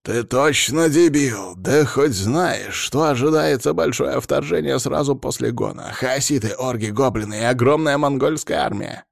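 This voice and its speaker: A man voicing a furious, domineering old male clan head who yells and scolds down the phone. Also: medium pitch, big pitch swings, normal speed, gravelly, no echo, clean studio sound, pitched above the performer's own voice, exaggerated voice. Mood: furious scolding.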